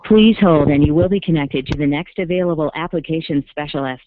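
A man's voice: fairly high pitch, dry recording. Man's voice on a recorded phone menu. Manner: even, measured, formal delivery. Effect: recorded automated phone menu. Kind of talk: scripted automated prompts. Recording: tinny phone line.

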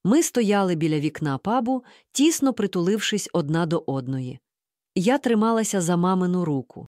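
Woman narrator for a storybook audiobook, animated pitch, dry close mic. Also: moderate pace, dry recording. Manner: lively, expressive first-person storytelling. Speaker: audiobook reader.

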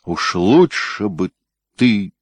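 A man's voice: lowish voice, lively intonation, very slow, no echo. A man voicing a stern, imperious aging tsar in an audiobook, speaking raised and commanding. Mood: anguished. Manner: raised, forceful, commanding delivery.

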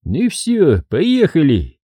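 A sly, menacing militant captor, as a man voices him for an audiobook, speaking in a raised, lively pitch. He barks orders and mocks with feigned surprise. The voice is husky and warm, and the recording is dry. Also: slow, no room sound, heavily acted. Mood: commanding. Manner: mocking, commanding, feigning surprise. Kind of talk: audiobook character reading.

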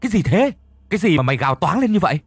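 Man doing a gruff old grave robber for a horror storybook, loud, husky, high-pitched. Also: big pitch swings, rapid-fire, no echo, exaggerated voice. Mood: alarmed. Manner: barking, mocking.

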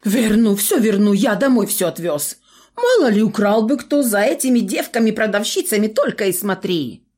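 A woman voicing a cowardly middle-aged male trader who whines, sobs and begs in a high, breaking voice. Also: big pitch swings, a little slow. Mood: scared excuses. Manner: whining, pleading, sobbing.

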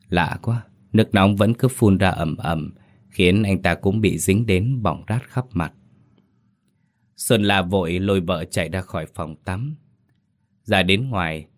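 A man narrating a dramatic story in a steady storytelling manner. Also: low voice.

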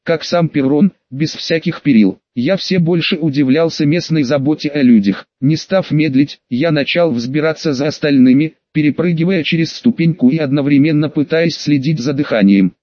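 A man narrating an audiobook in the first person with a steady, measured reading. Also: a little high, no room sound. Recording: dry, slightly muffled.

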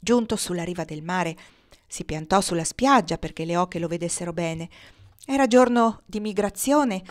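Lady reading a kids' novel out loud, calm and steady, little bit of feeling. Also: mid-range voice. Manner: measured, gently expressive narration. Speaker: reader. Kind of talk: audiobook reading of a children's novel.

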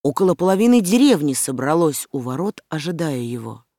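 Measured audiobook storyteller, dry sound. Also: mid-range voice, very animated, dark tone, no room sound. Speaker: audiobook narrator.

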